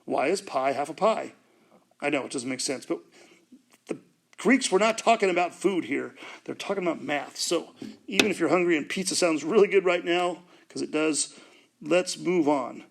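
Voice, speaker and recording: Gravelly man teaching a math lesson. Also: fairly high pitch, moderate pace. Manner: jokey, rambling, talks while drawing on a board. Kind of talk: recorded video lesson.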